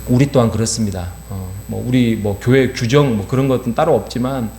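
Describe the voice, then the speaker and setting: A middle-aged pastor with a medium-pitched, slightly mellow voice preaches an early-morning sermon in a church sanctuary. He is earnest, using many fillers and rhetorical questions. The recording has a roomy church sound with a faint hum.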